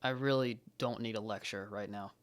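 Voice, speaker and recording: A man's voice: fairly low pitch, steady tone, moderate pace, lightly acted. A man playing a guilt-ridden young male Jedi who speaks earnestly and blames himself. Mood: weary. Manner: earnest, self-blaming, subdued.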